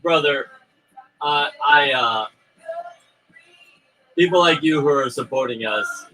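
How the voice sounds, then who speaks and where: A man's voice: on the high side, slow, sharp tone, low-quality recording. A man co-hosting a casual livestream, bantering in a joking, teasing and rambling way. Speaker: livestream co-host promoting a crowdfunding campaign.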